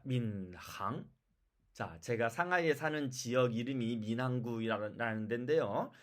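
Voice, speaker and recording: A language teacher giving a pronunciation lesson, explaining step by step and repeating example words slowly. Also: mid-range voice. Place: lives in China.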